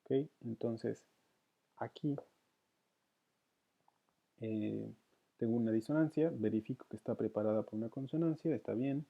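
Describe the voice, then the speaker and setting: Unhurried and gravelly, this man's mid-range voice leaves long pauses as he teaches counterpoint, thinking it through out loud. Fillers and restarts run throughout, captured in dull lo-fi audio.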